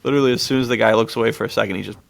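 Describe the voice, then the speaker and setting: A podcast co-host with a lowish, creaky voice races through film plots at rapid-fire speed, his intonation fairly even. He's casual, enthusiastic and slangy, chuckling as he talks.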